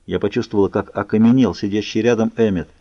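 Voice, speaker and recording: A man reading a novel aloud as scripted narration, steady and even. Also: fairly low pitch, quick pace, dry recording. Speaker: audiobook reader. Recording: muffled lo-fi recording.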